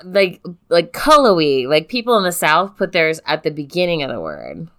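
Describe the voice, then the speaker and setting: A woman co-hosting a podcast in easy, casual chat, her voice low and smooth. She talks loosely, with lots of "like" fillers, and laughs readily. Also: very animated, moderate pace, a bit bright. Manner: chatty, filler-heavy, giggly. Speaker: podcast co-host.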